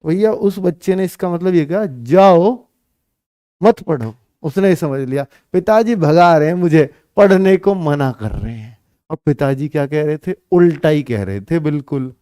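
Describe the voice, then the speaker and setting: A man teaching an exam-prep grammar class, talking slowly and repeating each phrase for his students. His voice sits high and sounds smooth and clear. The recording is dry and close, with no room sound. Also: darkish tone, dry recording. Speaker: Hindi teacher.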